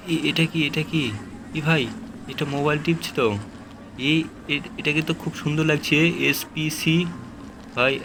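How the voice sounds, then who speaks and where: A man hosting a gaming channel, chatting excitedly with viewers as he plays. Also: medium pitch, a little hiss or hum. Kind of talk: game commentary.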